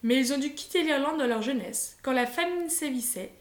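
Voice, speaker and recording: A woman reading a children's story aloud in a lively, expressive way. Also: high-pitched, a little fast. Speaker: audiobook reader. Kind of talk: scripted storybook narration. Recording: roomy echo.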